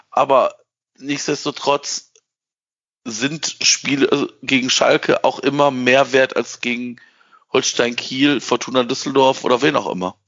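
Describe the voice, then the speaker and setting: A man chatting casually about football with friends, lively and joking. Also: medium pitch. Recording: dull lo-fi sound.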